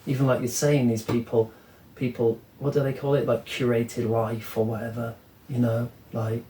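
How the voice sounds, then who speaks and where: A middle-aged man from England talking casually as an interview guest, rambling and relaxed, often ending with "isn't it". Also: mid-range voice, moderate pace. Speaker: guest artist. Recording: echoey room with faint ambient noise.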